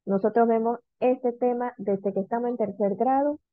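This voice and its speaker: A woman teacher giving an online lesson, drawing out example words slowly as she repeats them. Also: fairly high pitch, steady tone, no room sound. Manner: slow, drawn-out repetition of example words. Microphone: video call. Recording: dry, phone-like video call audio.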